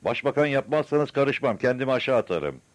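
A man voicing a ranting madman on a rooftop in an audiobook, shouting defiant demands. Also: medium pitch, lively intonation, fast talker, no echo, pitched above the performer's own voice, lightly acted. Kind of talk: audiobook character voice.

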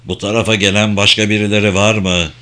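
A man voicing a determined, weary male archaeologist in a storybook reading, speaking low and steady. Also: fast talker. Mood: urgent, steady.

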